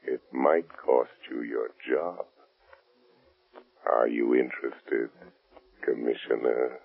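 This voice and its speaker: Creepy gravelly radio avenger man, taunting and theatrical, drawn-out delivery, old tinny recording. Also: very deep voice, exaggerated voice. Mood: taunting, ominous. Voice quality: gravelly, sinister. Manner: slow, mocking, theatrical. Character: The Shadow, menacing invisible male avenger, mocking and sinister. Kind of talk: 1930s radio acting.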